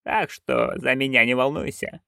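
A male reader voicing a proud, stern old witch woman who speaks low and clipped. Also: moderate pace, gravelly, bright, forceful tone, smooth, no room sound, clean studio sound.

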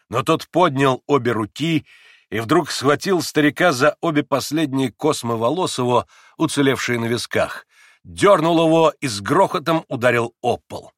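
A man reading a novel aloud as an audiobook narrator, with expressive, dramatic delivery. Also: medium pitch, dry recording, clean studio sound. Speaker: audiobook reader.

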